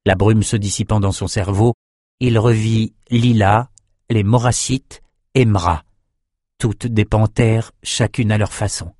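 A man reading fantasy narration in a steady, measured way. His voice sits low, and the recording is dry and close with no room sound. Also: no echo. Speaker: audiobook narrator.

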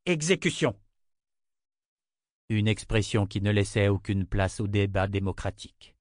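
A man giving a scripted audiobook narration of a novel, in an even, literary reading style. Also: fairly low pitch, normal speed, no room sound, studio quality.

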